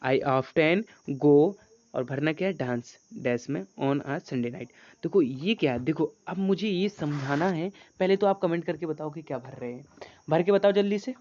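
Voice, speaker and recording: A male teacher leading an online grammar class, coaxing students and reading English sentences slowly. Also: fairly high pitch, darkish tone. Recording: dull lo-fi sound.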